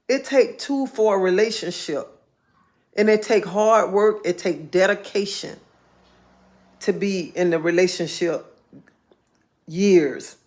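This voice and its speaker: A woman, talking in a casual live-stream monologue, earnest and heartfelt, repeating herself for emphasis. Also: mid-range voice. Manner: earnest, heartfelt storytelling with repetition.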